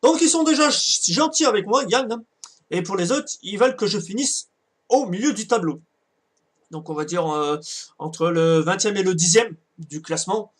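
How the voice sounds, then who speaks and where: A man's voice: high voice, animated, normal speed, husky. A man casually commenting on a football video game, hesitant, with many fillers and self-corrections. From France. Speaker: gaming channel host. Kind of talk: casual let's-play commentary.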